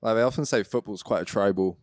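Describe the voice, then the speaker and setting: A man's voice: fairly low pitch, quick pace, a little mellow, dry recording, studio quality. A man co-hosting a podcast in casual chat, thinking aloud hesitantly and trailing off. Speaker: podcast co-host.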